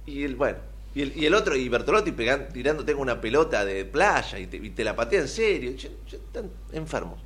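An Argentine man hosting a radio talk show, his pitch swinging widely as he tells stories. He talks in a loose, animated way and laughs often. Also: a little fast, slightly rough. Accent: Argentine (Rioplatense). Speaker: radio host. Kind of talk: casual chat.

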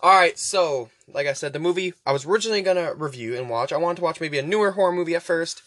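A man's voice: a little high, fast talker, a bit bright, dry recording. A man hosting a casual, rambling podcast, chatty and urging listeners on, pronouncing his R sounds weakly, close to W. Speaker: podcast host.

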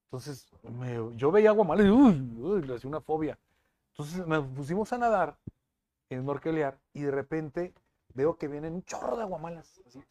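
A man, a TV news presenter being interviewed, telling stories in a lively way with many restarts. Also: on the high side, normal speed. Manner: animated storytelling with frequent restarts. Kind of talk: casual interview chat.

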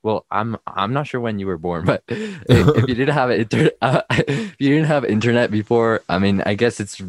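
A teenage young man from Mexico, a podcast guest who answers in a hesitant, halting way. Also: mid-range voice, lively intonation, dry recording, clean studio sound. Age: teens. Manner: hesitant, halting, laughs often. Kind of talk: casual interview chat.

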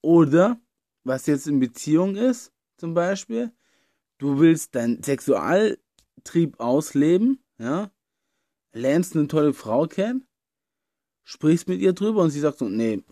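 A man with a somewhat high, mellow voice explains things earnestly, addressing the listener directly and dotting his talk with small fillers. The sound is close and dry, with no room around it. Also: expressive, slow, dry recording. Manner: earnest, talks straight to "you", frequent "ja" and "äh". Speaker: self-help speaker.

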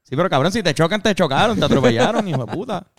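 A man's voice: high voice, animated, gravelly, no room sound, clean studio sound. A young man leading a casual chat, joking and swearing among friends. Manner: quick, joking, swearing, leads the talk.

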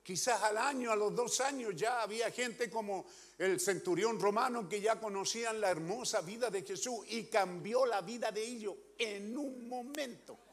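High-voiced preacher, swinging loud and soft. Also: male voice, normal speed. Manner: emphatic, questioning the congregation, swinging loud and soft. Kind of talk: sermon.

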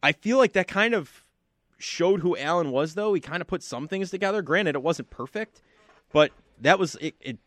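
A man's voice: sits high, animated, moderate pace, a bit bright, no echo, studio quality. A man hosting a radio sports talk show, speaking casually and using plenty of fillers. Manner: chatty, filler-heavy. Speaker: radio host. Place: radio studio.

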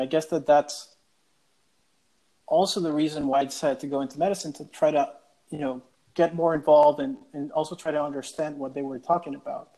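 A young cardiology fellow from El Salvador, appearing as a guest, answers interview questions casually in a fairly high, dark-toned male voice. He's hesitant, with lots of "uh" fillers, repeated words, and restarts, and the audio quality is poor.

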